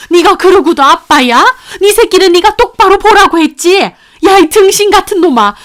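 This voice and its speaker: A woman voicing an older grandmother in a storybook, shouting furiously at her son in a high strained voice. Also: lightly acted.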